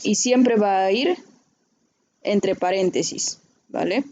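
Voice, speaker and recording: Mellow woman teaching a class. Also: medium pitch, takes it slowly. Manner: patient explaining, checks in with "¿vale?" and "¿sale?". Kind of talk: recorded online class.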